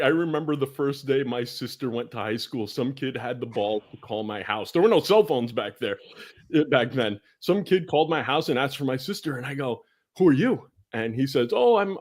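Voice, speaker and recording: A man hosting a sports podcast, asking eager, joking questions in casual chat. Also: medium pitch. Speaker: podcast host.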